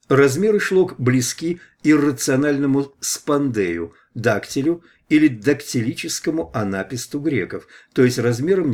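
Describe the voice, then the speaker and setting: A man reading a scholarly preface aloud as an audiobook, at a measured pace. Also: mid-range voice, darkish tone. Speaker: audiobook reader.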